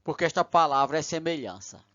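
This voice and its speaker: A man's voice: on the high side, expressive, brisk, a bit bright, dry recording. A man, lecturing patiently step by step and often checking in with his listeners. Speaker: teacher. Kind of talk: recorded lecture. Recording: dull lo-fi recording.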